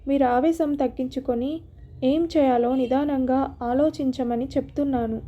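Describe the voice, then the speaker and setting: A woman's voice: high voice, fairly even intonation, normal speed, warm tone, a little hiss or hum, close to an everyday voice. A woman voicing a worried middle-aged wife who pleads anxiously with her husband. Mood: pleading.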